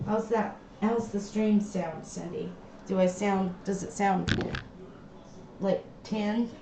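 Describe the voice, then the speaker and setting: Slow-talking woman sounding inside a tin can. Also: medium pitch, steady tone, gravelly. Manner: slow, chatty, trailing off mid-sentence. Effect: hollow tinny sound, like inside a tin can. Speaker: livestream host. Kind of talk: casual livestream chat while crafting. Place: home craft room. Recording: echoey, dull lo-fi stream audio with faint background noise.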